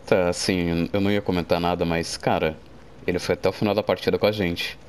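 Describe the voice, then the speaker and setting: Excitable Brazilian man playing a horror game. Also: low voice, a little fast, a little hiss or hum. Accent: Brazilian Portuguese. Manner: excitable, yelps and jokes at the game. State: groggy from medication. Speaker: gameplay streamer. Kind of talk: casual gameplay commentary.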